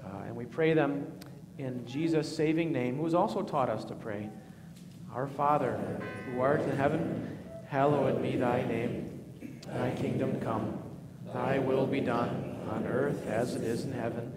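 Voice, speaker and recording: A man leading worship as pastor, praying and speaking in a measured, solemn way, his voice ringing with a cathedral echo. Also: medium pitch, fairly even intonation, heavy background noise. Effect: cathedral echo, long church reverb. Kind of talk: liturgical prayer and communion address. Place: large church sanctuary. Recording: long reverb of a large church hall.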